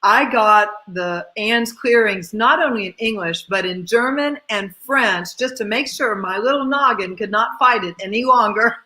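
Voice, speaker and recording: A woman's voice: fairly high pitch, normal speed, few pauses, pushed and bright. A woman guest in a casual online interview, speaking emphatically and laughing easily.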